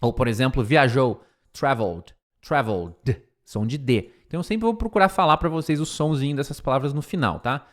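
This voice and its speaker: Speaking in Portuguese with a Brazilian accent, a man gives an English lesson, slowly repeating English words so learners can practice pronunciation. His voice sits at a medium pitch and sounds animated.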